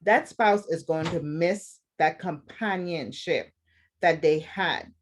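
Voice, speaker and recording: Earnest Bahamian woman, low voice. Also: slow, slight background noise. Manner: earnest, repeats phrases for emphasis. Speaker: podcast host. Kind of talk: personal advice monologue.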